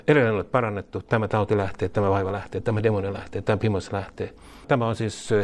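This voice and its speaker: Finnish-speaking man preaching with fervor. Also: lowish voice. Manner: rising into loud repeated declarations, leading the congregation in prayer. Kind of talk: charismatic sermon with spoken prayer.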